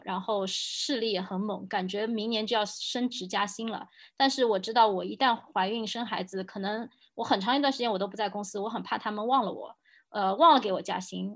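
A woman's voice: mid-range voice, gravelly. A woman in her thirties, a game industry executive, speaking earnestly in a podcast conversation. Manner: earnest, emphatic storytelling.

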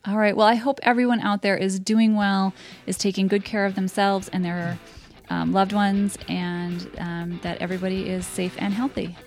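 A woman's voice: mid-range voice, flat delivery, normal speed, soft background music. A woman co-hosting a podcast, upbeat and encouraging as she wraps up the episode. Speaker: podcast co-host. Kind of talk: casual podcast chat and sign-off.

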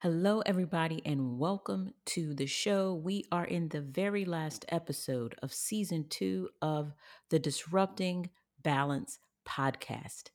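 A woman's voice: sits low, a little slow, darkish tone, soft background music. A woman hosting a podcast, introducing her show and guest with emphatic, upbeat energy. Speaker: podcast host.

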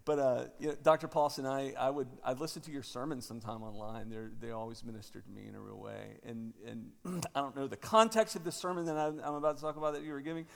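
Man, 30s, pastor, rough gravelly tone, hesitant talker, cathedral echo. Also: mid-range voice, steady tone. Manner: halting, with many fillers and restarts. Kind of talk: conference talk and prayer. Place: large parish church. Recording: cathedral echo, long church reverb.

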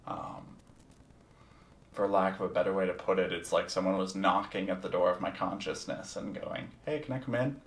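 A man's voice: low-pitched, monotone, moderate pace, vocal fry. A man telling a personal story in a casual, candid way. He is reflective, swears freely and uses plenty of ums. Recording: echoey room, distant from the mic.

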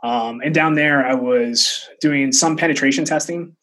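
A man's voice: mid-range voice, unhurried, fairly bright tone. A man in his thirties, an interview guest telling casual stories with asides and frequent checks on the listener. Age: 30s. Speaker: interview guest, tech entrepreneur.

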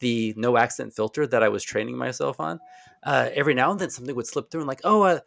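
A man with a trace of a Southern accent, chatting casually on a podcast. His voice is gravelly and bright, and he rambles through self-mocking stories. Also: mid-range voice, steady tone, quick pace. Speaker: podcast guest. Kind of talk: casual chat.

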